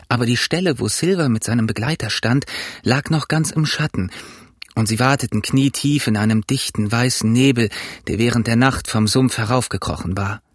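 A man reads an adventure story aloud in a measured, scripted way. His voice is slightly husky, at an ordinary pitch. The recording is dry and close, with no room sound. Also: no echo. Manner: measured storytelling, first person. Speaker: audiobook narrator. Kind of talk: scripted narration.

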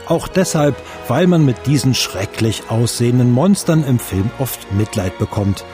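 A man giving calm, explanatory scripted narration. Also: mid-range voice, unhurried. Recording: music playing under the voice.

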